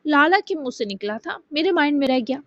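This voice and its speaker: Bashful, sweet young heroine, read by a woman, high voice, dull lo-fi recording. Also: expressive, fairly bright tone, no room sound. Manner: pleading and bashful. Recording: dull dry lo-fi sound.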